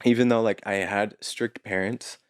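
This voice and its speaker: A man's voice: lowish voice, moderate pace, clear, resonant tone. Laid-back young man telling stories. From Utah, United States. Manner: relaxed, chuckles often while telling stories. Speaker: podcast guest. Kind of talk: casual storytelling chat.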